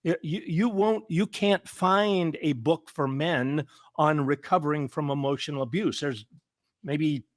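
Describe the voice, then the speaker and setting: Earnest, emphatic man with a fairly high voice. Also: unhurried, no echo, clean studio sound. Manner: earnest and emphatic, repeats words for stress; frequent stammered restarts. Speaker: therapist guest. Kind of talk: conversational interview.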